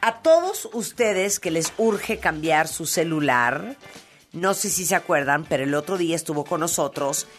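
A woman's voice: deep voice, lively intonation, normal speed, faint music behind. A woman, a native English speaker, hosting a casual talk show, chatting and reading sponsor copy in an upbeat way. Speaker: radio show host. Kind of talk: casual radio chat with ad reads.

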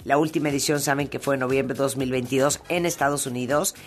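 A woman hosts a casual talk show in an upbeat, chatty manner, her voice sitting low. English is her first language, and she moves easily between banter and sponsor reads. Faint music plays under her. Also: steady tone, fast. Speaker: radio show host. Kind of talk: casual radio chat with ad reads.

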